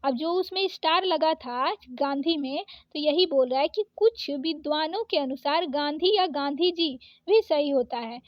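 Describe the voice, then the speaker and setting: A woman teaching an exam-prep spelling lesson, listing wrong and right forms in quick pairs. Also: high-pitched, no echo. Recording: dull, dry close recording.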